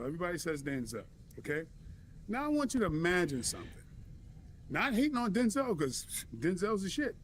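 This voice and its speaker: A man's voice: on the high side, slight background noise. An American man in a casual debate, insistently posing questions to the other person and swearing now and then.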